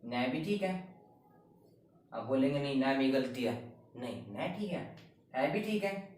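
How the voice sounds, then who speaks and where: A man's voice: mid-range voice, lively intonation, measured pace, darkish tone, a little hiss or hum. A man teaching Hindi grammar, explaining spelling in a classroom style and keeping up a string of questions he answers himself. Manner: repetitive, keeps asking and answering his own questions. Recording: very echoey room, distant mic.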